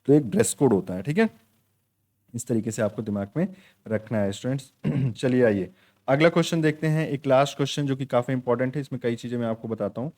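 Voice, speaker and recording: A man teaching an exam-prep lesson with a mellow, relaxed voice of middling pitch. He explains each point at length, reads the English quiz lines out slowly and keeps checking in with his students. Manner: repeats "ठीक है" often.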